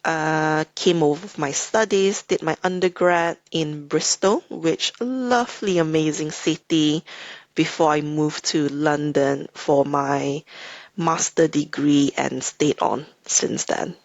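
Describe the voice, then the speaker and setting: A woman in her thirties from Malaysia with a Malaysian accent, speaking as a podcast guest in a measured, reflective way. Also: sits low, no echo, lo-fi sound. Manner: thoughtful, measured, frequent hedging "I think". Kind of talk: reflective interview talk.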